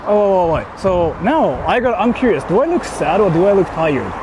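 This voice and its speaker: Walking down a noisy city street, a man livestreams casually, reading viewer comments aloud and answering them in a rambling, self-questioning, sweary way. His voice sits high with big pitch swings, at a moderate pace, and the outdoor street noise comes through clearly.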